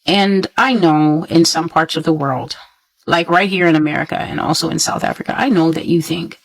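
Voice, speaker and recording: A woman's voice: fairly low pitch, vocal fry, no room sound, low-quality recording. A woman earnestly recounting a prophetic dream, telling it in a repetitive, storytelling way.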